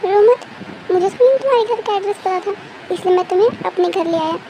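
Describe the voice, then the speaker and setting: A woman playing a soft-spoken young man who hushes a crying girl and presses her with questions. The voice stays very high and soft-toned for a male role in a fan-made dub. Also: fast talker, a little hiss or hum, poor audio. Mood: calming. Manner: calming, questioning. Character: gentle protective young man.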